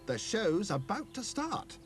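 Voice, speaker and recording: A man's voice: high voice, very animated, slow, soft background music, pitched above the performer's own voice, heavily acted. A man voicing a pompous, boastful male house cat who talks self-importantly.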